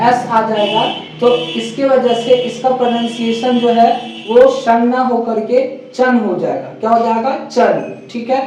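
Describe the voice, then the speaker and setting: A woman's voice: a little high, measured pace, hardly any pauses, a little mellow. Echoey distant woman teacher quizzing. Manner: repeats each word and quizzes the viewer back; mixes English phrases into her explanation. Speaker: English teacher. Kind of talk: spoken pronunciation lesson. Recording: echoey room, distant mic, faint hiss.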